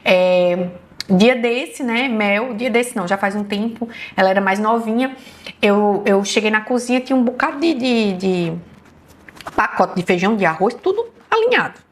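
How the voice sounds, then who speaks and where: A woman's voice: mid-range voice, moderate pace. A woman with a Brazilian Portuguese accent giving an online health lecture as a neurologist, explaining patiently and often checking in with her listeners.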